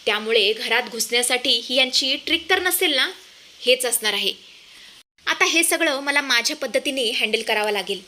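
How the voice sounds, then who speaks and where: A woman's voice: high voice, animated, moderate pace, pushed and bright. A woman voicing a fearless young daughter-in-law who confronts others defiantly. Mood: suspicious musing.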